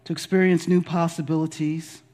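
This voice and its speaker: A man leading a guided spiritual meditation in a deliberate, soothing, gently instructive way with long pauses. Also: a little high, flat delivery. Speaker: spiritual leader guiding a meditation.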